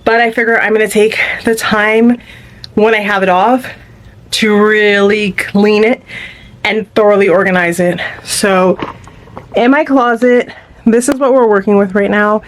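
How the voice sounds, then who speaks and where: A woman's voice: mid-range voice, steady tone, unhurried. Brief: woman vlogger, mid-range voice, chatty and rambling, talking to viewers on a phone at home. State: a little out of breath at times. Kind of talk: casual vlog chat. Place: at home in a cluttered bedroom.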